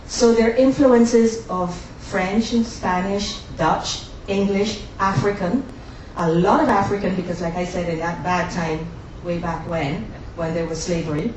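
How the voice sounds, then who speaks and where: Her medium-pitched voice is a little mellow as this Guyana-born, Barbados-raised woman jokes with her audience during a live cooking demo in a cruise ship kitchen. A distant mic picks up a very echoey room with faint ambience and slight background noise.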